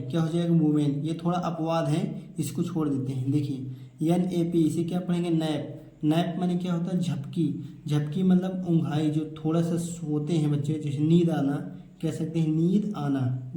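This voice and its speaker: A man explains English spelling rules to children in a patient classroom style. He keeps asking a question and answering it himself. His voice is very dark and mellow, a little higher than most men's, and it sounds echoey, as if recorded in a bare room. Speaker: English teacher.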